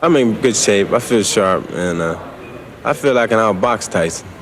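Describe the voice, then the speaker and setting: A man's voice: lowish voice, animated, normal speed. An American man in his twenties, a boxer, giving interview answers. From United States. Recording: noisy location interview.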